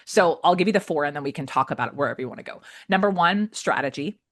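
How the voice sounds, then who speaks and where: A woman speaking as a coach and interview guest, explaining her method informally with animated emphasis. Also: sits low, quick pace. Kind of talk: conversational teaching.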